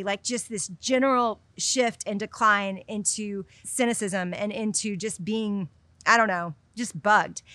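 A woman's voice: medium pitch, bright, forceful tone, no echo. A middle-aged woman hosting a podcast, teaching from the Bible in a candid, conversational devotional talk with light laughs.

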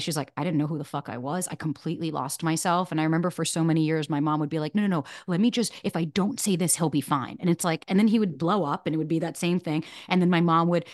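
A woman hosts a podcast in a relaxed, candid chat. Her voice sits a little low and sounds dry and close with no room around it. She tells stories freely and swears now and then. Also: dry recording. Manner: candid, animated storytelling with swearing. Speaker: podcast host. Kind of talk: casual interview chat.

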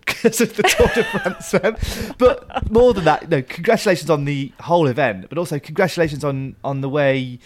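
A man hosting a podcast in relaxed conversation, with a Nottingham accent. His voice sits a little high and swings up and down a lot as he chats and teases. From Nottingham, England. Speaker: podcast host. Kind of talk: casual chat.

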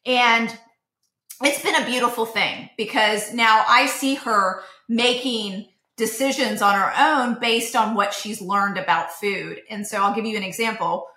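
A woman's voice: a little high, measured pace, bright, forceful tone, roomy sound. A woman in her thirties, a podcast guest telling a family story in casual chat and acting out the dialogue she quotes.

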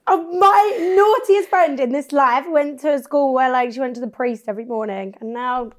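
A woman hosting a podcast, chatting playfully and chiming in with quick replies. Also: high-pitched, a little hiss or hum. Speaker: podcast host. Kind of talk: casual podcast chat.

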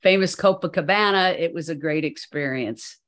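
A woman hosts an interview podcast, her voice sitting low and a bit bright at normal speed. She keeps the casual chat upbeat and friendly, telling anecdotes along the way.

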